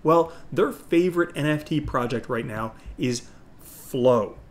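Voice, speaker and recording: A man's voice: medium pitch, measured pace. A middle-aged man hosting an opinionated crypto video, talking like an informal, salesy crypto bro to the camera. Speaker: crypto YouTube host.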